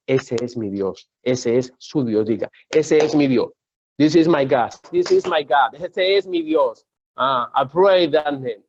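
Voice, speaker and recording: A man's voice: mid-range voice, darkish tone, no echo, lo-fi sound. A man preaching a sermon as pastor, emphatic and repetitive, calling on listeners to repeat after him. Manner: emphatic preaching with repeated calls for the congregation to answer.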